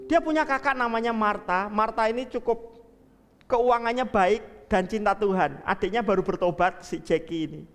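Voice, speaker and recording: A male pastor telling a story in a sermon, addressing the congregation in an animated way. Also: high voice, in a large hall, a little hiss or hum. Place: church hall.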